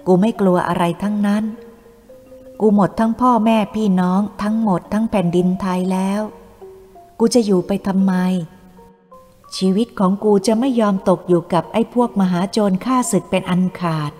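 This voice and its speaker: A woman's voice: mid-range voice, steady tone, moderate pace, close to an everyday voice. A woman voicing a defiant young captive woman who curses her captors fiercely. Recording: reverberant room with soft music.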